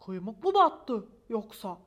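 A woman voicing a gruff, laid-back male dog with a lowered voice. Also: big pitch swings, takes it slowly, fairly bright tone, full character voice. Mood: casual.

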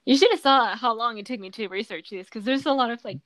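A woman on a casual podcast explains at length in a chatty manner, leaning on fillers and restarting often. She talks fast in a slightly high, somewhat bright voice, and the recording is dry.

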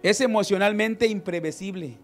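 A man preaching a lively sermon, acting out everyday scenes and calling his listeners brother. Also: sits high, moderate pace, soft background music.

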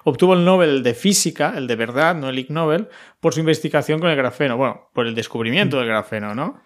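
A man's voice: on the high side, quick pace. A man from Spain co-hosting a podcast, chatting casually, asking questions and laughing often. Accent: Spain Spanish. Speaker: podcast co-host. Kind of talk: casual chat.

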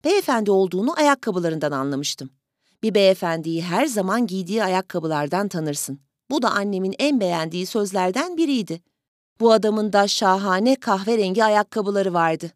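A woman's voice: mid-range voice, expressive, moderate pace, dry recording. Woman narrating a story, dry close sound. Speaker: audiobook reader.

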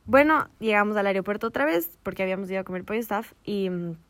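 A woman telling a story in casual chat, animated and laughing, dropping in English slang. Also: medium pitch, fast, dry recording.

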